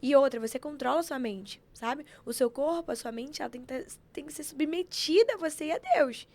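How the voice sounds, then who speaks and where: A woman telling stories in an animated, preachy way, acting out quotes as she chats on a podcast. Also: sits high, fairly quick. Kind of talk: casual chat.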